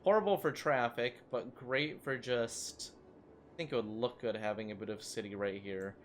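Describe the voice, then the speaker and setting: A man's voice: mid-range voice, normal speed, slight background noise. Chatty young man narrating gameplay. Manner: chatty, self-mocking, rambling asides. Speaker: gaming YouTuber. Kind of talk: casual gameplay commentary.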